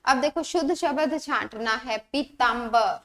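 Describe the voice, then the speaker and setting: Woman, high voice, teaching grammar for exams, repeats each word, keeps asking questions back. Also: measured pace, fairly bright tone. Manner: explains patiently, repeats words, asks rhetorical questions. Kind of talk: exam-prep grammar lesson.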